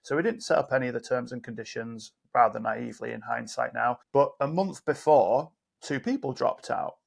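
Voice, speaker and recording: A man's voice: medium pitch, moderate pace, creaky, slightly rough. A man talking on a podcast as a guest coach, telling stories and acting out both sides of a conversation. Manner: animated storyteller, acts out dialogue.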